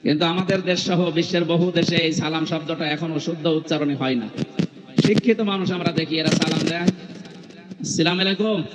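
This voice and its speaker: A man's voice: fairly high pitch, brisk, slight background noise. A male preacher giving a sermon at a large open-air evening gathering, emphatic and chiding with touches of humor, through a stage microphone. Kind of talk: Islamic sermon at an outdoor gathering. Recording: muffled hall echo from PA.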